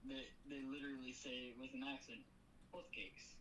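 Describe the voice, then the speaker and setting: A woman speaking quietly over a call, dry and teasing in a relaxed chat. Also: very deep voice, normal speed, recorded from a distance, poor audio. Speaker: partner on a call. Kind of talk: casual phone chat.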